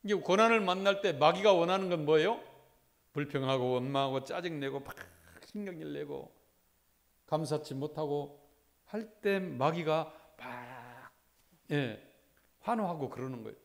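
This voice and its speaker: High-voiced middle-aged Korean pastor preaching. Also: male voice, expressive, moderate pace. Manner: rhetorical questions, repeats "이렇게" as a refrain; swings between loud exclamations and quiet asides. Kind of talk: sermon. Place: church sanctuary.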